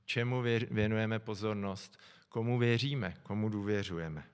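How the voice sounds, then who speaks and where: A middle-aged man preaching a sermon, calm and reflective, often pausing to think aloud. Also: on the low side, clean tone. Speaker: pastor. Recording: long echo from a large hall.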